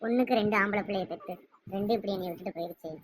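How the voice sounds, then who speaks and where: A woman's voice: mid-range voice, rapid-fire, a little hiss or hum, close to an everyday voice. A woman voicing a frail, bedridden elderly mother who speaks in a pleading, tearful lament. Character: bedridden old mother longing for her sons.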